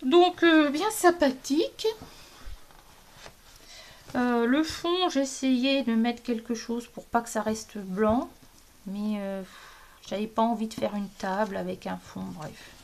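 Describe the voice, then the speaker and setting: Slow, gravelly-voiced French woman. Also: fairly high pitch. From France. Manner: hesitant, searching for words with many fillers. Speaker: colouring hobby vlogger. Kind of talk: casual chat showing coloured pages.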